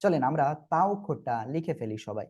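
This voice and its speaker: A man's voice: a little high, lively intonation, brisk, a little mellow, breathy edge, dull audio. A man teaching Arabic letters in a Quran reading lesson, patient and repetitive, often checking that learners follow. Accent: Bangladeshi Bengali. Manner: patient, repeats and checks understanding.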